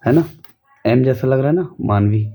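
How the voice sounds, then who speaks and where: A man's voice: medium pitch, expressive, moderate pace, warm tone. A young man teaching a chemistry lesson at home, repeating steps and asking rhetorical questions as he goes. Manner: repetitive, drills students with rhetorical questions. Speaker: chemistry tutor. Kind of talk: casual recorded lesson.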